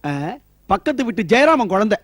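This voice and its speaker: A man's voice: very high voice, big pitch swings, a little fast, dry recording, clean studio sound, full character voice. An actor playing a bossy older male relative who scolds the young father in a stage comedy. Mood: scolding. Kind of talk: Tamil stage comedy acting.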